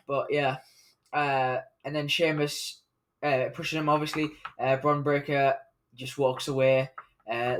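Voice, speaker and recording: A man's voice: mid-range voice, fairly bright tone. A man giving a casual, unscripted recap of a wrestling show, rambling along with plenty of fillers and self-corrections.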